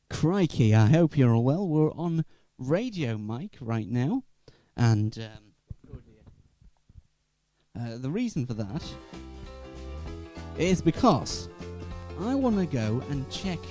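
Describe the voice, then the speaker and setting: A man with a fairly high, very animated voice hosts a casual online radio-style show, talking slowly with long pauses and rambling in a self-deprecating way. He records in a home studio and in downstairs rooms, switching between wireless and studio microphones, with music playing in places.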